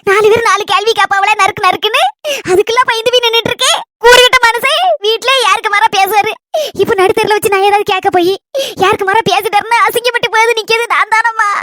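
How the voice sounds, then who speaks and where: A woman with a Kanyakumari Tamil accent, voicing a tearful, timid middle-aged village wife who laments slowly in a comedy sketch. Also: very high voice, steady tone, noisy background. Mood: weepy lament. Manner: slow, weepy lament.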